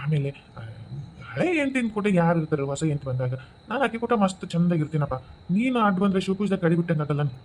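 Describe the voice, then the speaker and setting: A man's voice: high voice, expressive, fast talker, a little mellow, slight background noise, low-quality recording. A man with a North Karnataka accent voicing a doting, playful young husband in a cartoon who teases affectionately. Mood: joking. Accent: North Karnataka Kannada. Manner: teasing, affectionate. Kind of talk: cartoon voice acting.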